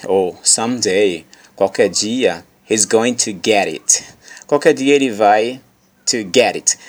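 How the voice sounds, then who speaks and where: A man hosting a podcast lesson, patiently explaining an English dialogue with many pauses and fillers, reading the English lines slowly and carefully. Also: lowish voice. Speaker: English teacher.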